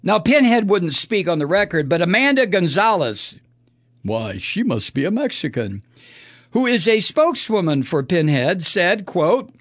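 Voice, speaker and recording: A man's voice: sits high, sing-song, unhurried, a bit bright, dry recording. A man hosting a political talk show, reading news items and mocking them with sardonic, profane commentary and frequent laughter.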